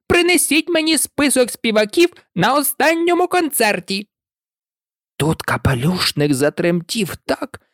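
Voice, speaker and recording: Expressive woman reading a storybook. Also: sits low, dry recording, studio quality. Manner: expressive, lively. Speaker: narrator.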